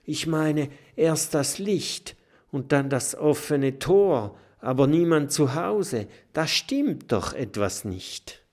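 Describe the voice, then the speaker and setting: A man's voice: a little high, lively intonation, slow, a little mellow, voice pushed up. A man voicing a timid young female porcupine who whispers nervously in a storybook reading. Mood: uneasy. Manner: whispering, nervous, stuttering when scared.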